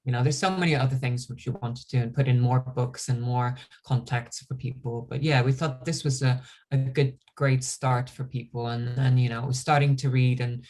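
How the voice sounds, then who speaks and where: Author from Iceland, mid pitch, relaxed, chatty, casual interview, video call.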